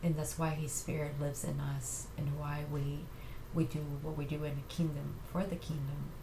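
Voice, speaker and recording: A woman giving an earnest, halting personal faith testimony to camera, tearful and sounding like she has just been crying. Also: low-pitched, little pitch movement, vocal fry. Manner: earnest, halting, reassuring listeners. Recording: echoey room with faint noise.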